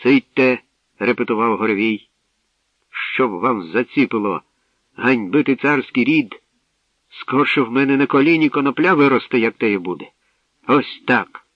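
A man voicing an aging, ailing tsar who shouts and groans in anger. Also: mid-range voice, moderate pace, no room sound, pitched above the performer's own voice, close to an everyday voice. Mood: furious. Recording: dull dry studio recording.

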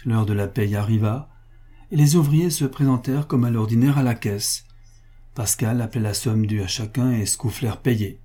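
Mellow, husky-voiced male narrator. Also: mid-range voice, normal speed. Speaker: audiobook narrator. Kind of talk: reading a novel aloud.

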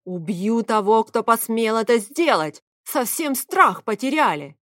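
A woman reading aloud, voicing a hot-tempered man who yells threats through a locked door, in a dry close recording. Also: high voice, unhurried, dry recording. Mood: furious shouting. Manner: yelling, threatening demands.

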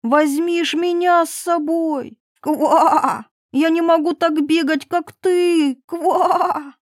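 A woman voicing a small, persistent male frog who croaks between slow, drawn-out pleas in a storybook reading. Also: very high-pitched, dry recording, clean studio sound, voice pushed up. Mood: calling out. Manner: croaks "kva" between phrases.

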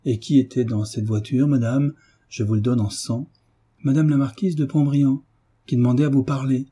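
Guy reading as a gabby country maid, raised voice, husky and dark underneath. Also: mid-range voice, fairly even intonation, normal speed, natural voice. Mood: eager. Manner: garrulous, rustic, breathless storytelling. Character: chatty young female country maid.

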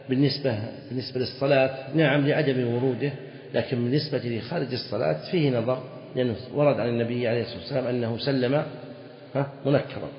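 A man teaching Islamic jurisprudence in a classroom lecture, explaining a text, repeating key phrases and putting questions to his students. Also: medium pitch. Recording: echoey hall, dull lo-fi sound.

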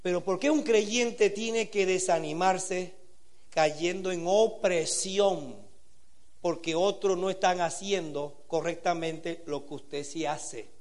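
A man preaching a sermon to young people, earnest, asking rhetorical questions and swinging between quiet and loud passages. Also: high-pitched, takes it slowly. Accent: Latin American Spanish.

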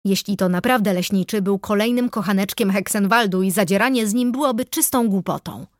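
A woman narrates a first-person audiobook at a mid pitch, measured and wry. The recording is close and dry, with no room echo at all. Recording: dry close studio sound.

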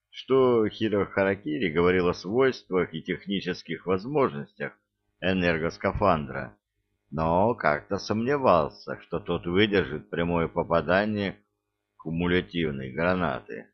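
A male audiobook narrator with a very low voice reads an action novel. He tells it wryly and now and then turns to the listener with ironic asides. The recording sounds dull and lo-fi. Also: lively intonation, a little slow.

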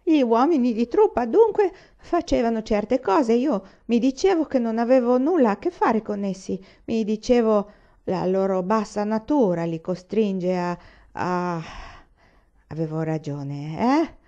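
A woman's voice: a little high, expressive, a little slow, voice pushed up. A woman doing a drunk, blustering young lieutenant. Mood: drunken, blustering. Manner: loud, boastful, sobbing and angry by turns. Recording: slightly dull, lo-fi recording.

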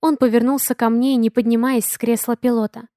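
Higher-voiced woman reading an audiobook. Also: little pitch movement, fairly quick, mellow, no echo, studio quality. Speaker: audiobook narrator. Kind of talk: first-person audiobook narration.

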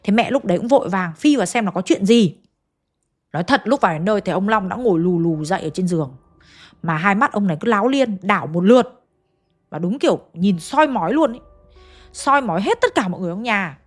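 A woman's voice: mid-range voice, lively intonation, a little fast. A woman telling a ghost story in a chatty way, turning to ask her listeners questions. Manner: chatty, addresses listeners directly. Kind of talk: oral ghost story narration.

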